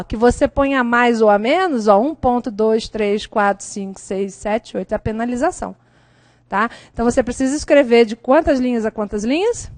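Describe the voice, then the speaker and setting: A middle-aged woman with a Brazilian Portuguese accent teaching an exam-prep writing class, lively and chatty, often checking in with her students. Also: fairly high pitch, no room sound.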